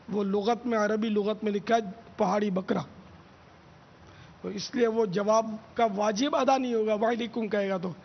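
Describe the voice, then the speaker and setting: Brief: male religious teacher, high gravelly voice, patient lecturing, lo-fi dull broadcast sound. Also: long reverb tail. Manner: drills pronunciation with slow drawn-out repetitions. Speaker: religious scholar answering questions. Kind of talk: religious question-and-answer teaching. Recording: dull lo-fi broadcast audio with faint hiss.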